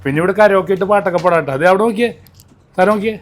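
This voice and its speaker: Male vlogger, Kerala accent, Malayalam-English mix, rapid casual delivery, higher-than-average pitch, question-led. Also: a little hiss or hum. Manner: mixes English words into Malayalam; prompts companion with frequent short questions. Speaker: travel vlogger. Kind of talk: casual vlog chat, guiding a tour.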